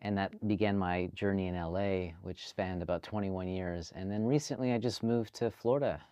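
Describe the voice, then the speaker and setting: A man from Canada, a filmmaker telling his story in a relaxed, chatty interview. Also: low-pitched, normal speed, clean tone, dry recording, muffled recording. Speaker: guest filmmaker. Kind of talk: casual interview.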